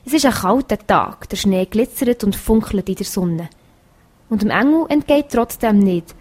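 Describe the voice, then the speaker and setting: A woman's voice: medium pitch, a little mellow. Woman narrating a children's story.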